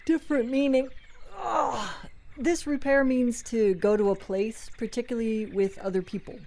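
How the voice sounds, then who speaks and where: Lady as scatterbrained chatty captain in audio comedy, kinda high voice. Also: steady tone, normal speed, darkish tone, lightly acted. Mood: exasperated. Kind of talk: comedic audio drama acting.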